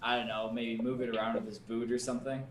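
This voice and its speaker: A man's voice: mid-range voice, level tone, quick pace. A man playing his character in a tabletop game, talking in a casual, hesitant way. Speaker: player. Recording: echoey room with faint noise.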